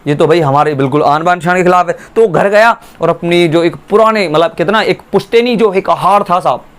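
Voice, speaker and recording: A male teacher explaining a story to his class, animated, asking and answering his own questions. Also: high-pitched, a little fast, clear, resonant tone.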